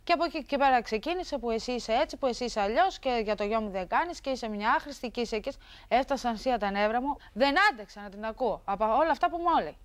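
High-voiced woman arguing heatedly. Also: animated. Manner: agitated, quotes others mockingly. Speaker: guest in a couples dispute. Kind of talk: heated studio argument.

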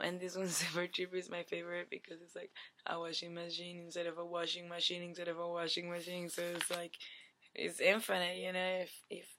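A woman in her twenties giving a deadpan comic pitch on a webcam in a dim bedroom, rambling with lots of "like" and "you know". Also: gravelly, a little hiss or hum. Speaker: vlogger. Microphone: webcam at desk.

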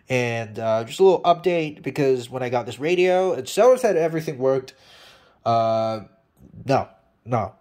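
A hobbyist radio repairer and video maker gives an unscripted repair update, rambling, blunt, and swearing freely. His voice sits at medium pitch with a darkish tone.

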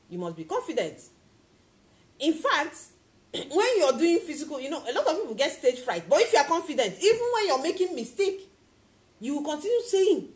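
A woman coaching on network marketing in a motivational talk to camera, animated and acting out little scenes. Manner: animated, acts out little scenes with big pitch jumps.

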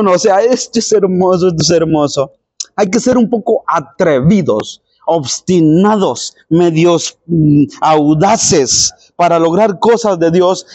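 A male priest with a Mexican accent preaches with energy, firing rhetorical questions at his listeners. His voice sits a little high. The recording sounds dull and lo-fi. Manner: conversational, animated, asks repeated rhetorical questions. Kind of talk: sermon.

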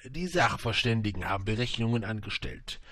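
A man voicing a brisk, businesslike male merchant in an audiobook. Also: on the low side, lively intonation, a bit bright.

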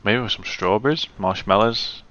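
A man's voice: on the low side, normal speed, a bit bright, muffled recording. A man giving casual, muttering gameplay commentary and swearing freely. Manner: chatty, swears, mutters to himself. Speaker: let's play gamer.

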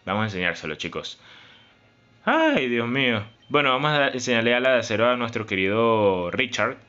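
A man's voice: medium pitch, very animated, normal speed, pushed and bright. A young man giving dramatic, emotional Let's Play commentary, pleading and lamenting over his game. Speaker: gaming YouTuber. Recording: slightly dull recording with game music behind.

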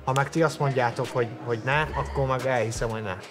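A man's voice: mid-range voice, steady tone, music in the background. Blunt, cursing young man. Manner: blunt, swearing. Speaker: contestant. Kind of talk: interview statement.

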